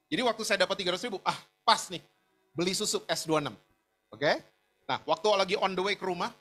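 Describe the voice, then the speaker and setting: A man's voice: a little high, fairly bright tone. A middle-aged man preaching a sermon, telling a personal story with frequent asides to the congregation. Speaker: pastor.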